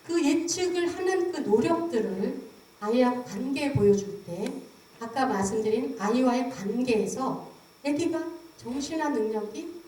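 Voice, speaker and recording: A middle-aged woman, a professor, giving a lecture and acting out how mothers talk to their babies. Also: on the high side. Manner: acts out mothers' words to babies in a lively voice. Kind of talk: seminary public lecture. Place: lecture hall. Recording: echoey hall, mic at a distance.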